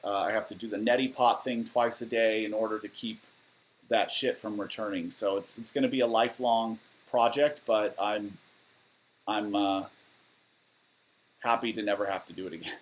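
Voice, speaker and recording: A man's voice: lowish voice, steady tone, moderate pace, low-quality recording. Man, 30s, from Southern California; laid-back livestream Q&A host, candid and rambling, laptop mic in a living room. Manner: candid, matter-of-fact, rambling with fillers. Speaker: musician livestreaming Q&A. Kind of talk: casual livestream Q&A, reading viewer questions. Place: living room at home, indoors. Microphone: webcam or laptop mic at desk.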